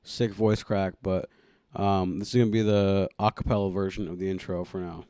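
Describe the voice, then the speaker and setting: A man's voice: low voice, level tone, brisk, mellow, clear, resonant tone, no room sound, studio quality. A young man hosting his own podcast at home, chatting casually and rambling playfully while poking fun at himself. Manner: self-mocking, rambling, playful. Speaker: podcast host. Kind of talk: casual solo podcast chat. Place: home room.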